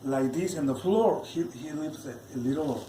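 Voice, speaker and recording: A man, not a native English speaker, giving a personal religious testimony in halting speech, often restarting and repeating his words. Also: on the high side, warm tone, slight background noise. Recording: roomy, from some distance off the mic.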